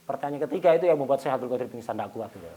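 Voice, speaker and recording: A man's voice: mid-range voice, expressive, very fast. A man teaching an Islamic study lesson, telling a story and acting out its dialogue, joking and chuckling with his listeners. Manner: storytelling, acting out dialogue with sudden loud and soft turns. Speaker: religious teacher.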